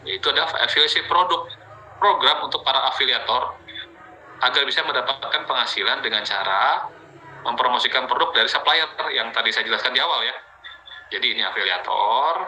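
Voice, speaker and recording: A man presenting an affiliate marketing training gives an informal, explanatory sales pitch, chatting conversationally and repeatedly checking in with listeners through small filler tags. His mid-range voice is bright and forceful. The recording quality is low.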